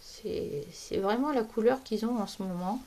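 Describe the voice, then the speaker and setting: A woman's voice: fairly high pitch, normal speed, darkish tone, slight background noise. A woman from France chatting casually about her coloured pages as a hobby vlogger, hesitant and often searching for words.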